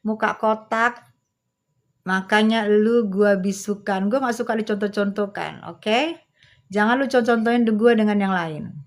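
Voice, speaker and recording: A middle-aged woman hosting a livestream on a phone, chatting with viewers in a sassy, teasing, slangy manner and speaking slowly and carefully. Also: medium pitch. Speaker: livestream host. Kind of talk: casual livestream chat reading viewer comments.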